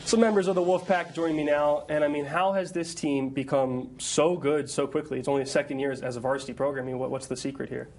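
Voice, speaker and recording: A man's voice: a little high, steady tone, fast talker, hardly any pauses, a little mellow. A man hosting an awards show live in a studio, presenting and interviewing in a congratulatory manner. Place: studio set with people present.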